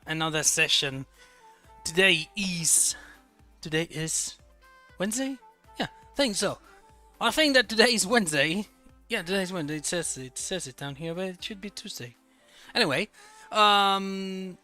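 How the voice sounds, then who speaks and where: A high-pitched male streamer with a very bright, sharp voice, chatting casually over a live stream. He repeats words as he talks and greets his viewers one by one by name. Faint music plays behind him. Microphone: desk microphone.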